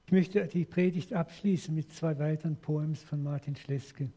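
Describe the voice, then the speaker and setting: An older male pastor delivers a heartfelt sermon. His voice is husky and mellow, a little higher than most men's, and he switches between intense passages and quieter, hushed ones. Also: fairly even intonation, moderate pace. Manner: earnest, emotional preaching with quoted prayers.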